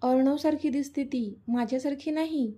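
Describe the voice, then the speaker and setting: A woman's voice: high-pitched, moderate pace, dark tone, lightly acted. A woman voicing an emotional, stubborn young woman who pleads insistently, in a storybook reading. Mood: joking.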